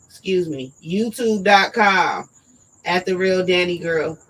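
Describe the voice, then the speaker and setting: A woman hosting a live talk show, talking directly and emphatically to her viewers, her voice going hoarse. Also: fairly low pitch, slow pace, a bit bright, rough recording. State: losing her voice. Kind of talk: casual live-stream talk.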